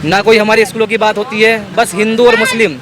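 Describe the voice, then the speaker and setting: A man's voice: high-pitched, little pitch movement. A young man arguing insistently in a street interview. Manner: fast, insistent, argumentative. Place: busy city street outdoors. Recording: noisy street crowd around. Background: crowd and traffic.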